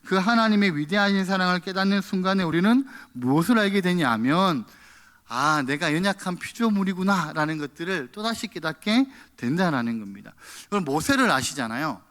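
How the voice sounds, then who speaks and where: A man's voice: high voice, animated, fairly quick, a bit bright. A male pastor preaching a sermon in church, acting out the quoted prayers in a raised voice.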